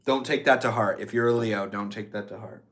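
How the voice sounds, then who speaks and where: On the low side and a bit bright, this young streamer's voice keeps a steady tone and moves a little fast. His nose is stuffy as he casually reads chat and chats with viewers, swearing freely and staying laid-back.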